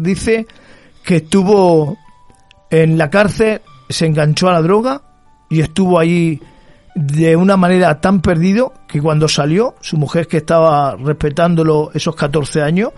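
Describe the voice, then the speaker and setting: A high-pitched male preacher delivers a storytelling sermon that swells into fervent, repeated declarations. The sound is dry and close to the mic, with faint music underneath. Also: a little mellow, no echo. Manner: storytelling, rising to fervent emphatic repetition.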